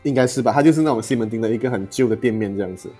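A man's voice: medium pitch, very fast, mellow, slightly rough, soft background music. A man from Malaysia, chatting casually as a podcast guest. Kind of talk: casual chat.

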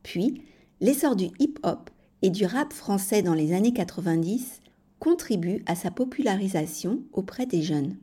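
A woman with a mellow, warm voice hosts a language-learning podcast. She reads a scripted lesson in a measured, clear way and spells out words for her listeners. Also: mid-range voice, expressive. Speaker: podcast teacher of French.

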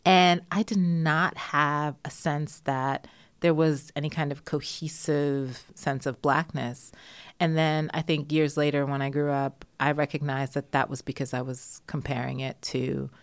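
A woman from Jamaica with a low voice talks through her answers, pausing on fillers and laughing now and then. The sound is dry and close, with no room echo. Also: fairly even intonation, clear, resonant tone. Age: adult. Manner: thoughtful, with frequent laughter and fillers. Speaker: interviewee. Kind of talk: conversational interview.

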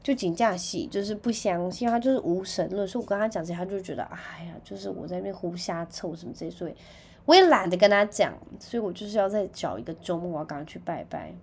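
A young woman with a Taiwanese Mandarin accent hosts a podcast, telling stories in a chatty way with sudden loud outbursts. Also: lowish voice, animated, fast talker, slight background noise. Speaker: podcast host. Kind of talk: casual chat.

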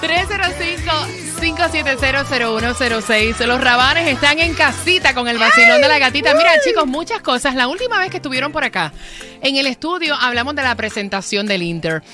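A woman's voice: high voice, very animated, brisk. Playful woman radio host. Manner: teasing and playful. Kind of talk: lively radio interview banter. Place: radio studio. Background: music bed.

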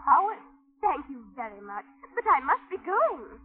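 A curious, polite little girl, easily flustered and full of exclamations. Her voice is very high and swings widely, in old radio-drama style on a thin, tinny recording. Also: sing-song, measured pace, heavy background noise. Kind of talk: 1950s radio acting.

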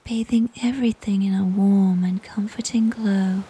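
Softly whispering with a breathy, medium-pitched voice, a woman narrates a guided relaxation story set in nature. Her tone stays steady as she goes unhurriedly and soothingly, pausing at length between brief phrases, over a faint hiss or hum.

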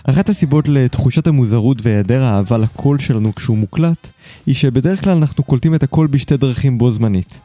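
A man hosting a podcast, reading a scripted intro in a measured, explanatory way and chatting casually with his guest. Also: medium pitch, dark tone, dry recording, soft background music. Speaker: podcast host.

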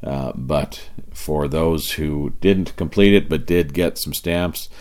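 Very deep, raspy Canadian podcast man. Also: slow, a little mellow. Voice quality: raspy whiskey voice. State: raspy from cheering at a game. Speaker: podcast host. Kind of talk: casual solo podcast talk.

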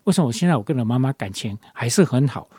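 A man's voice: medium pitch, expressive, racing, warm tone, breathy edge, no echo, studio quality. A man leading a casual devotional talk, rambling with many fillers and restarts. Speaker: devotion leader.

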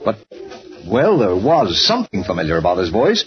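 A man's voice: deep voice, huge pitch swings, normal speed. An actor playing a blustery, fatherly older newspaper chief in a 1940s radio serial. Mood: resigned. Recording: dull old radio recording, crowd noise.

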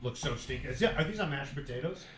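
A man's voice: medium pitch, animated, fast, husky. A man hosting a sports radio show in the studio, chatty and enthusiastic, also reading sponsor spots. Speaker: radio talk show host. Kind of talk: casual studio chat.

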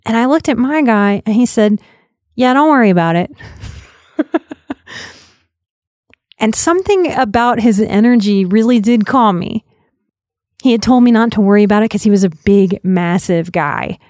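A woman's voice: fairly high pitch, expressive, darkish tone, no echo. Earnest woman podcast host, dry sound. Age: 30s. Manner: earnest, slows down for emphasis. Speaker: podcast host and life coach. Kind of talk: reflective personal storytelling.

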